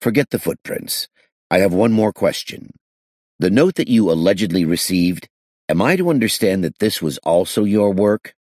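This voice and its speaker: A man's voice: deep voice, expressive, normal speed, a little mellow, dry recording, pitched above the performer's own voice. A man voicing a glum male police inspector who questions in a dry, curt way.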